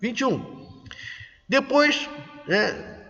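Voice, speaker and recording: A man's voice: very high voice, very slow. A man leading a Bible study in a church, reading verses aloud and explaining them in plain conversational words. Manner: lively, swinging intonation with stressed words. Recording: dull sound with long reverb.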